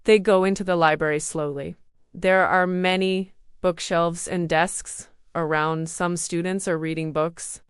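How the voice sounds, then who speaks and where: Clear, low-voiced woman reading a story. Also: no room sound, clean studio sound. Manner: slow, even, clearly spoken. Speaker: storybook narrator. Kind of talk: read-aloud story for English learners.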